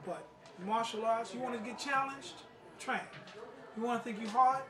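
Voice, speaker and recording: A middle-aged man, a playwright and martial arts master, talks informally and emphatically in a plain-spoken, street-wise manner, his voice extremely high with a steady tone at normal speed. It's an informal spoken interview and presentation at an indoor play-reading gathering. The mic sits at a distance in a roomy space, with people audible in the background.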